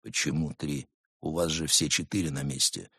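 A man voicing a stern, grim monk who speaks low and quietly menacing. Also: steady tone, normal speed, husky, dry recording, clean studio sound, exaggerated voice. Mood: sceptical.

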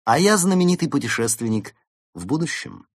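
Male narrator doing a theatrical storybook fox, lively and dry. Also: a little high, fairly quick, no echo, voice pushed up. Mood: calm. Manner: grand, theatrical. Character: cheerful eccentric male fox adventurer. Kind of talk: storybook reading.

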